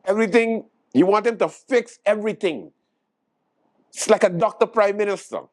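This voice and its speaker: A man's voice: high-pitched, moderate pace. A man hosting a late night comedy show, delivering a stand-up monologue and acting out other people's voices. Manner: animated, acts out quoted voices.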